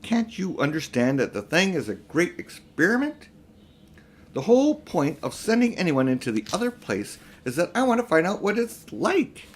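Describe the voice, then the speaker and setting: A man's voice: high-pitched, wildly swooping pitch, normal speed, breathy edge, pitched above the performer's own voice, full character voice. A man voicing a pompous, vain, selfish elderly magician uncle in a storybook reading, with a grandiose, self-important manner. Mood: impatient. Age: older. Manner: grandiose, self-important, indignant when challenged.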